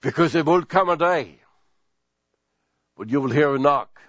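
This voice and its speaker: Male pastor, sermon delivery, slow and emphatic, dry lo-fi sound. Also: a little high, animated, a bit bright, no room sound. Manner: slow, deliberate preaching with emphatic repetition.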